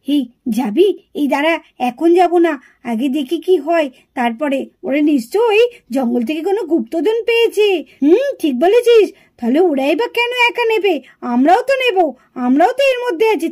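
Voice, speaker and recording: A woman's voice: very high voice, darkish tone. A woman voicing curious, scheming village girls in a puppet cartoon, chattering and gossipy.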